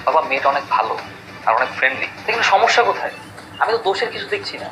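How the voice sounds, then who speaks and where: A man's voice: on the high side, very animated, very fast, low-quality recording. An actor playing a breezy young man, a son and boyfriend, over background music. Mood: defensive. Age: young adult. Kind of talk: comic drama acting.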